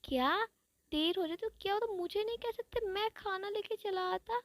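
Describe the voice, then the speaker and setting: A woman voicing a jealous, pouting young man in a spoken fan-fiction retelling, with a high, complaining sing-song. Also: normal speed. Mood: indignant.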